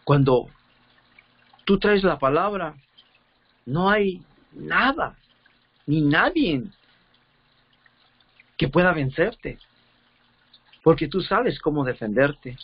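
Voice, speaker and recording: A man preaching a sermon with fervor, reading scripture slowly and often repeating words as he searches for them. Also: a little high, animated, slightly rough, highs cut off. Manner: reads scripture slowly, drawn out.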